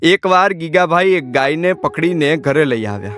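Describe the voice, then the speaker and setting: A man narrating an audiobook in an expressive, dramatic storytelling manner. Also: a little high, moderate pace, over music.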